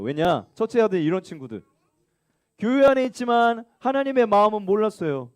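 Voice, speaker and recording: A man preaching a children's sermon in a church, leading the group in reading aloud together. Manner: lively, acts out the elder son's complaints in a high whiny voice; leads call-and-response reading. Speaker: children's pastor. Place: church sanctuary.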